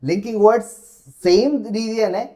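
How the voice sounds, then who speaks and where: A man with a Malayali accent, coaching students through an English exam task. He explains each step in a steady classroom style, then slows right down to read example sentences aloud, leaning on the key words. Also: high voice.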